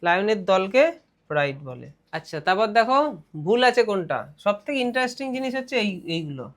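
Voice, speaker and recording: A male teacher with a Bengali accent leads a classroom grammar lesson. He reads English phrases out slowly, then explains them briskly, and keeps posing questions to his students. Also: sits high, sing-song, a bit bright.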